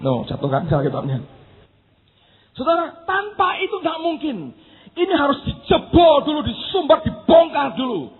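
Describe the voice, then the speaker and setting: A man preaching a sermon as pastor, impassioned and often breaking into shouts. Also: very high-pitched, wildly swooping pitch, measured pace. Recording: tinny phone-like sound, long hall reverb.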